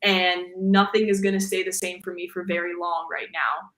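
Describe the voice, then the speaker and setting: In an echoey room, a young adult woman, a guest singer, chats about singing in a casual interview with a level tone at normal speed. Her voice is low for a woman yet bright and clear. She rambles a little, uses "like" and "um" as fillers, and laughs easily.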